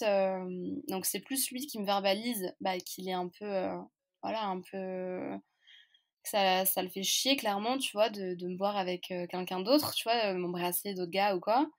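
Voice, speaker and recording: A woman's voice: mid-range voice, a little slow. Chatty young French woman telling a story. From France. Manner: chatty, candid, hesitant with frequent fillers. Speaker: podcast guest. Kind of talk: casual storytelling interview.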